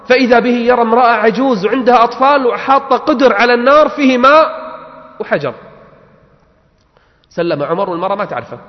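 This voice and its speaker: A man preaching a storytelling sermon, dramatic, swinging between loud exclaiming and hushed asides. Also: high-pitched. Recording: dull sound with long hall reverb.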